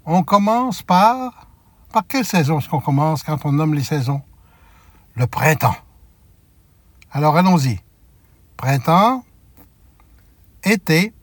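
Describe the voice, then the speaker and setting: A man hosting a family quiz segment, slowly spelling out questions and answers and drawing out key words. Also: a little high, dry recording. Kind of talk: slow, deliberate quiz hosting.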